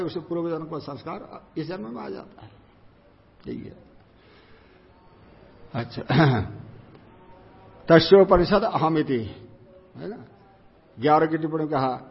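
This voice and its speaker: A man teaching a scripture commentary class, reciting Sanskrit lines and explaining them over and over. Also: on the high side. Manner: recites Sanskrit then explains in Hindi, repeating points. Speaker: Vedanta teacher. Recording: dull lo-fi recording.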